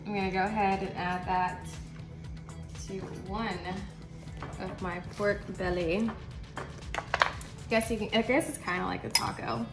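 A woman hosting a casual home cooking vlog, chatty and excited, tasting and explaining as she goes. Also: medium pitch, measured pace, pauses often. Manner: excited, chatty, lots of mm sounds. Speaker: cooking channel host. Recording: roomy room with background music.

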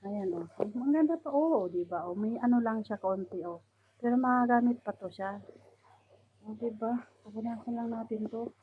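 A woman's voice: fairly high pitch, normal speed. Woman from the Philippines, casual vlogger, lots of fillers, tinny phone-quality recording. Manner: chatty, many fillers, showing items to camera. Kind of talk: casual vlog. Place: indoors, room of a household abroad. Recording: tinny phone-like sound, faint noise.

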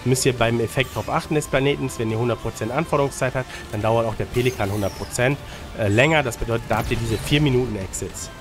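Talking at a quick pace in a mid-range voice, a streamer and gaming guide maker with a slight cold hands out casual gameplay tips. His speech is colloquial, heavy on English gaming slang and tag questions, and music runs under the commentary.

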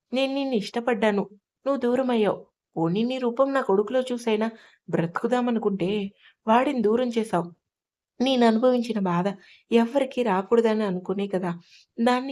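A bitter, grieving mother pours out her hurt and reproach. A woman storyteller voices her in her own slightly high voice. It is a plain narrated audio story, not full acting. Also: a little mellow, lightly acted. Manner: anguished, accusing.

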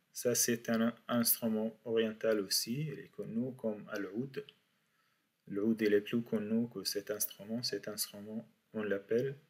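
A man teaching a beginners' class in French, slowly repeating each word for his students. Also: lowish voice. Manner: slow, repeats words for learners. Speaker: Arabic teacher. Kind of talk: university language lesson.

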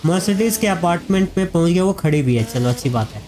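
Chatty high-voiced man narrating gameplay. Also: expressive, fast, a little mellow, soft background music. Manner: chatty, addresses viewers as friends. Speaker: gaming YouTuber. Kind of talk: casual let's-play commentary.

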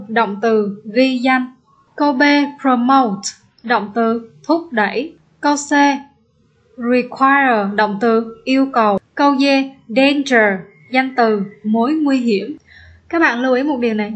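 A woman teacher explaining an exam step by step, repeating example words slowly and patiently. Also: on the high side, muffled recording. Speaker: English teacher. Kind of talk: exam-prep lesson.

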